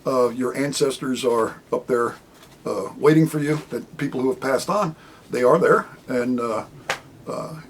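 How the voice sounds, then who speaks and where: A man's voice: medium pitch, measured pace, slight background noise, low-quality recording. Man talking loosely to camera. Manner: conversational and rambling, acting out quoted speech. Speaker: author presenting his book. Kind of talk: casual unscripted monologue to camera.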